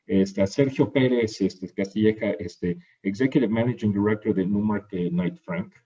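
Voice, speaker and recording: A man hosts an online industry panel over a video call, pausing often with fillers. His voice sits low and very dark with a husky edge. The call audio is dull and lo-fi. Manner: hesitant, many fillers. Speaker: webinar moderator. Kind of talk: hosting an online industry webinar.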